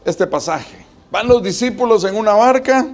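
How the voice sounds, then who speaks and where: A man's voice: sits high, normal speed. A man preaching a sermon as pastor, building emphasis with rhetorical questions.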